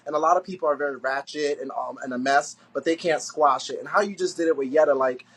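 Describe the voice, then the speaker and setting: A man hosts a casual live-stream interview and fires off excitable, profane questions. He talks very fast in a husky voice that sits a little high. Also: poor audio.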